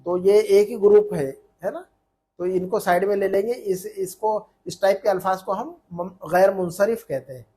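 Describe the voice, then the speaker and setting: A man's voice: sits high, moderate pace, warm tone, slightly rough. A man teaching an informal online Arabic lesson, patiently explaining and repeating points and often checking with "है ना?".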